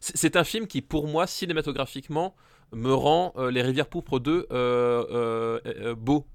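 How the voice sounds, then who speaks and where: A man co-hosting a film podcast in casual chat, animated and stumbling over repeated words as he complains. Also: medium pitch, a little slow, creaky, dry recording. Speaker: podcast co-host.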